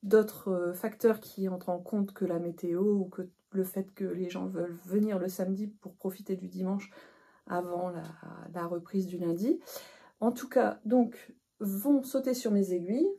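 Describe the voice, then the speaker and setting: Middle-aged woman, knitting podcast host, very mellow tone, slightly husky, hesitant casual chat. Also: medium pitch, steady tone, moderate pace. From northern France. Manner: chatty, many hesitations and restarts.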